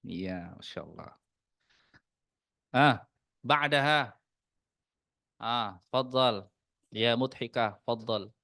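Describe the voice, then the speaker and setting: A man with an Indonesian accent teaching an Arabic class in a mosque study room, in a casual classroom manner, mixing Arabic phrases into relaxed Indonesian with joking asides. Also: mid-range voice, drawn-out words, vocal fry, long pauses, no echo, clean studio sound.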